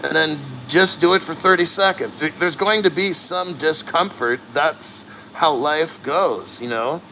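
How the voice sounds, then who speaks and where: A man chatting casually and bluntly to livestream viewers, earnest and straining through the cold as he sits neck-deep in an ice plunge. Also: a little slow, pushed and bright, a little hiss or hum, rough recording. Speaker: livestream host.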